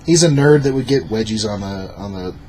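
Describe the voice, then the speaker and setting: A man's voice: fairly low pitch, expressive, a little fast, a little mellow, slight background noise. Drunk man in casual review chat. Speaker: film review co-host.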